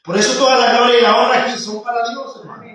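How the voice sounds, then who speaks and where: High-voiced man preaching in an echoey hall. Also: steady tone, quick pace, a bit bright. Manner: conversational preaching, addressing the congregation as brothers. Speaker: pastor. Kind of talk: sermon. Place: church hall. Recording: echoey church hall, from far off.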